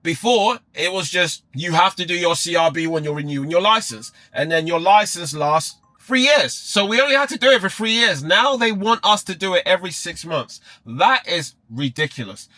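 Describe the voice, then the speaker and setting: A man's voice: sits high, lively intonation, moderate pace, few pauses, bright, forceful tone. A man working as a rideshare driver, chatting casually and bantering in his car. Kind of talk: casual chat with passenger. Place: inside a car.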